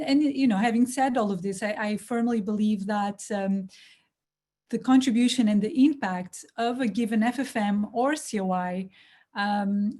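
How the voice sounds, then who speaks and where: Brief: female panelist, warm mellow tone, hesitant delivery with frequent fillers. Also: medium pitch. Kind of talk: panel discussion.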